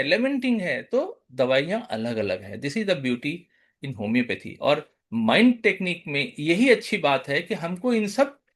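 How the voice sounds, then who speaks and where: A man's voice: high-pitched, fairly bright tone. A man with an Indian English accent giving a webinar lecture on homeopathy over a video call, listing remedy names one by one and mixing Hindi and English.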